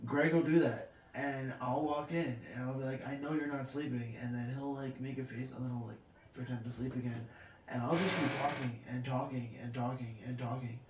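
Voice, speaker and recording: A man's voice: mid-range voice, steady tone, moderate pace. A man co-hosting a casual podcast, rambling and repeating himself and laughing easily. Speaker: podcast co-host. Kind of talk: casual chat. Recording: echoey room, distant mic, faint hiss.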